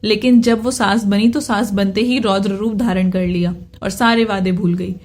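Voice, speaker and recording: A woman's voice: mid-range voice, fairly even intonation, moderate pace, a little mellow. A woman narrating a family story from a script, reading the characters' lines in her own voice.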